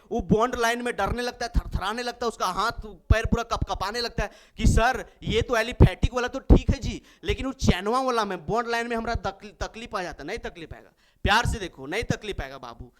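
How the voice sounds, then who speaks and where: High smooth guy teaching chemistry, calls the kids babu and munna, super playful. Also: a bit bright. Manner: acts out students' replies in a sweet voice; counts carbons aloud slowly. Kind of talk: classroom lecture.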